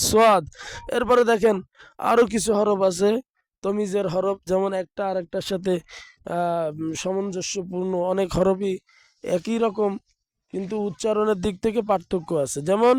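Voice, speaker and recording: A man, teaching an online Arabic pronunciation lesson, slowly drawing out letter sounds and chanting rules like a drill. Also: sits high, dry recording. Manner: slow, drawn-out demonstration of letter sounds; recites lists in a chanting, drilled way. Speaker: madrasa teacher.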